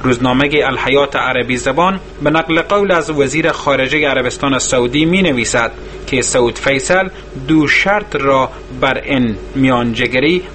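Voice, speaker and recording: A man, a radio correspondent, reading a formal news report in a measured tone. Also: medium pitch, fairly bright tone, slight background noise.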